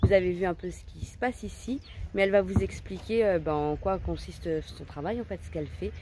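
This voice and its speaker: A woman's voice: fairly low pitch, brisk, noisy background. A woman hosting a travel vlog, narrating casually on a farm with a chatty, filler-heavy manner. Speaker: vlog host.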